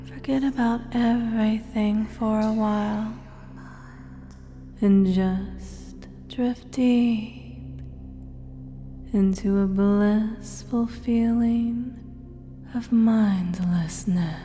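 Slow, dark-voiced woman hypnotist. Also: on the high side, fairly even intonation. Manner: slow, soft and soothing, drifting into whispers. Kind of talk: guided hypnosis recording. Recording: long reverb with faint music behind.

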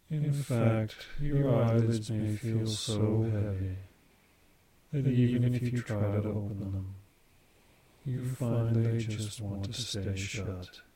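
Slow, dark-voiced male hypnotist. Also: fairly low pitch, breathy edge. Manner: slow, soft, repetitive counting. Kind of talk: scripted hypnosis induction.

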